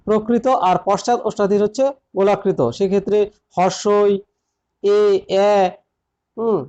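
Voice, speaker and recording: High-voiced man teaching a grammar lesson. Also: warm tone, highs cut off. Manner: explains step by step, repeats key points; addresses students directly. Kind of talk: exam-prep grammar lesson.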